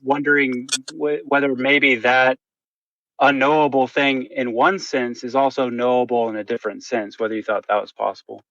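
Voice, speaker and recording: A man's voice: mid-range voice, fairly even intonation, moderate pace, fairly bright tone, no room sound. A man in a casual philosophical debate over voice chat, asking tentative, probing questions and rephrasing himself, over a muffled lo-fi line.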